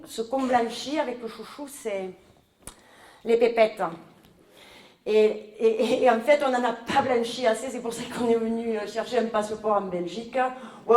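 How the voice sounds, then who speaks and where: A woman's voice: a little high, close to an everyday voice. A woman playing a talkative middle-aged mother from the south of France with a southern French accent, rambling and indignant in a live comedy sketch. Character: chatty southern French mother, newcomer, scheming. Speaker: comic stage character. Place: large echoey hall. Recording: roomy live hall sound.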